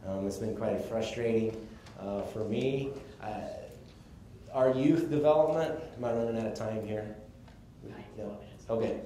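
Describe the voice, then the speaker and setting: A man from Texas gives a casual conference presentation, explaining things in a relaxed way with the odd chuckle. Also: fairly low pitch, a little slow, slight background noise. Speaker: conference speaker on sheep breeding. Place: conference room. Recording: echoey conference room, faint ambience.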